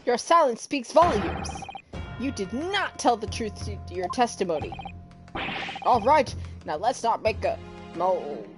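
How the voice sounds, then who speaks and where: A woman's voice: medium pitch, very animated, measured pace. A woman game streamer in a casual let's play, reading game dialogue aloud dramatically and breaking off into casual asides. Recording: loud game music behind voice. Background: game music.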